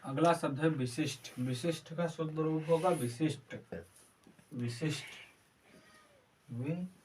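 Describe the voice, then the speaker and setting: Casting note: male teacher running a slow spelling drill, repeating each word, recorded from a distance with faint noise. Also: a little high, darkish tone. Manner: slow, repeats each word several times while writing. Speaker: Hindi teacher. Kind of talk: exam prep lesson, word-by-word spelling drill.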